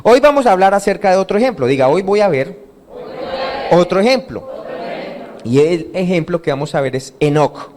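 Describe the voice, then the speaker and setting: A man's voice: high voice, lively intonation, normal speed, pauses often, background noise. A male pastor preaching an interactive sermon, asking his congregation questions and having them call out and repeat the answers. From Colombia. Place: church hall.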